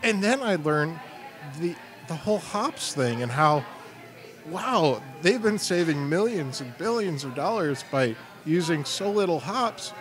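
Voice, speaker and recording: A man's voice: on the high side, lively intonation, measured pace. Self-deprecating joking man. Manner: self-deprecating joker, laughs often. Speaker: co-host, sales and marketing. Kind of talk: casual comedic chat. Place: studio.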